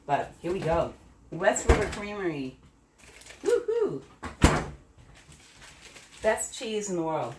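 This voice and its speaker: A middle-aged woman hosts her own home cooking video, chatting casually, rambling, correcting herself, and tasting the food as she talks. Her fairly low voice has lively intonation and a moderate pace. The recording is very noisy, with an echoey kitchen and her voice coming from a distance.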